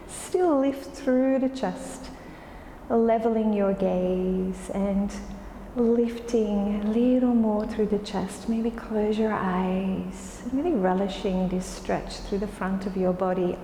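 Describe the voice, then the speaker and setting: A woman leads a yoga class with a soft-edged, mellow tone. She is calm and soothing, taking her time between instructions. The recording is echoey, with long reverb and faint noise behind her. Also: mid-range voice.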